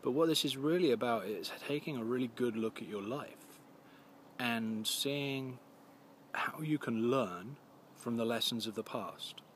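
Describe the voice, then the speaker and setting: A man with a gruff, scratchy voice, hoarse from a cold, giving earnest, plain-spoken, encouraging advice to viewers in a casual vlog. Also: mid-range voice, unhurried. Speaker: recovery video series host.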